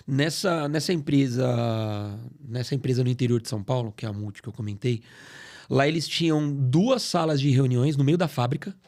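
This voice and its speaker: A middle-aged man from Brazil, a guest on a podcast, explaining things in an animated, storytelling way in a studio. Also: medium pitch, normal speed. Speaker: guest, acoustics company CEO. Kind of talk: casual podcast interview.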